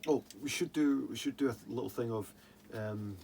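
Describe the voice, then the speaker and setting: A man's voice: mid-range voice, moderate pace, darkish tone. A man chatting casually as co-host of a drinks show, rambling and often trailing off mid-thought. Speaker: co-host of a whisky review show. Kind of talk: casual chat. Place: attic room. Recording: clearly noisy room recording.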